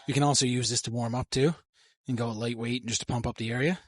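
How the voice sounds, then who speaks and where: A man's voice: mid-range voice, steady tone, fast, no room sound, clean studio sound. A man talking through his workout in a gym, coaching and rambling casually into a handheld mic, breathing hard between sets. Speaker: fitness vlogger. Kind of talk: casual gym vlog narration.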